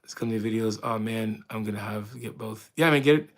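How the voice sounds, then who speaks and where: Talking fast in a lowish voice, this Canadian man in his thirties, a fitness streamer from Windsor, Ontario, casually fields viewer questions live. He keeps things friendly and relaxed, full of fillers and false starts.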